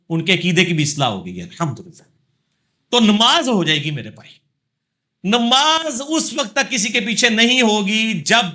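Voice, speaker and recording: With a voice that sits high and sounds pushed and bright, a man lectures emphatically as a religious scholar taking audience questions live, often tossing in tag questions to check in.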